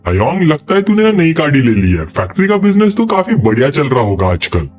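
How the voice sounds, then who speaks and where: A man's voice: a little high, very animated, brisk. A man voicing a pushy, mocking relative who talks like a salesman.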